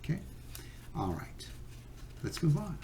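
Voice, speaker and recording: Male teacher, slow and lively in pitch, patient, fills pauses with "uh" and "okay". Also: noisy background. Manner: patient, unhurried, with many fillers and okays. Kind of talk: recorded geometry lesson.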